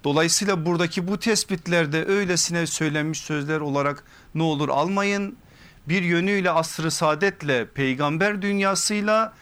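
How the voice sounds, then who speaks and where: A man preaching from a pulpit microphone, giving an earnest, measured religious lesson that builds to emphatic repeated phrases. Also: a little high, a bit bright. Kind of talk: sermon-style lecture. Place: pulpit in a mosque or lecture hall.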